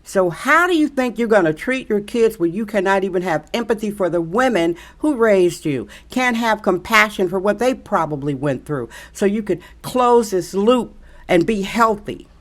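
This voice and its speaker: Speaking at an ordinary speed, the middle-aged Wisconsin commentator from Milwaukee sounds animated and sits at a medium pitch. She delivers a forceful, sermon-like talk to camera, pressing her case through rhetorical questions she asks again and again.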